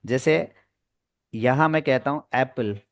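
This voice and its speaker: A man's voice: medium pitch, unhurried, no echo. A man teaching spoken English in an online class, explaining in Hindi mixed with English terms, patient and repetitive. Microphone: video call.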